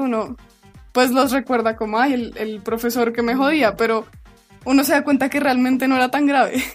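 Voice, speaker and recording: A young woman, hosting a podcast and telling a story in a casual, animated way. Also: a little high. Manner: animated, laughing while telling. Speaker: podcast host.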